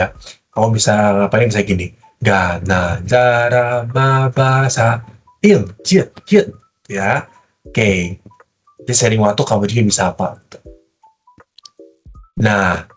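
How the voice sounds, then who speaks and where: A man's voice: fairly low pitch, husky. A man teaching a language lesson, patiently sounding out syllables one by one in a casual, encouraging way. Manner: patient, demonstrates sounds slowly, casual fillers.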